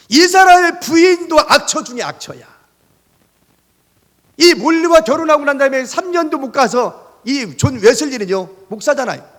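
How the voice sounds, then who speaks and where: Male pastor, high husky voice, lively storytelling sermon, long church-hall echo. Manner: animated storytelling with rhetorical questions to the congregation. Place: church sanctuary.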